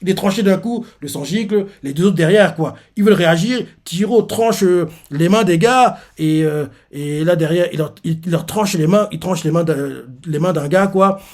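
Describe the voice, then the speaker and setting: A man's voice: sits high, moderate pace, hardly any pauses, darkish tone. A man hosting a manga reaction who retells a chapter casually, rambling with lots of fillers and restarting his sentences.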